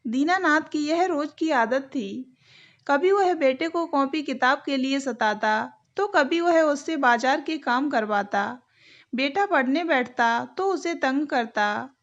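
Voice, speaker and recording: A woman narrating a moral story in an even, deliberate reading voice. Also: high-pitched. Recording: dull lo-fi recording.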